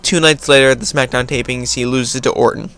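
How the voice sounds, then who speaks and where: A man's voice: medium pitch, fairly even intonation, a little fast, fairly bright tone, clear, resonant tone. An American man hosting a casual question-and-answer video, reading viewer questions aloud and then answering in an offhand way. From United States. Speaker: video host. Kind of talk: casual Q&A vlog.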